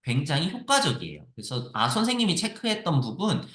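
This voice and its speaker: Lively Korean man explaining in an echoey room. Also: fairly high pitch, brisk. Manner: lively explanatory, repeats phrases. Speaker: teacher demonstrating a reading app. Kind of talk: screen-share tutorial.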